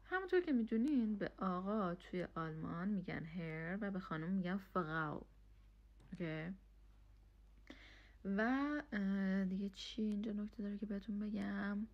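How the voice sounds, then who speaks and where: A woman's voice: medium pitch, dull audio. A woman, teaching German in a casual lesson and explaining each phrase step by step. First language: Persian. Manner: explains step by step, checks in with "okay?".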